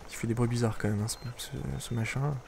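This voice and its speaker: A man with a gravelly, creaky voice talks his way through a video game in a loose, wry running commentary. He mutters little asides to himself as he plays, over a noticeably noisy background. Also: mid-range voice, steady tone, quick pace, darkish tone. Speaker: let's play gamer. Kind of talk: casual gameplay commentary.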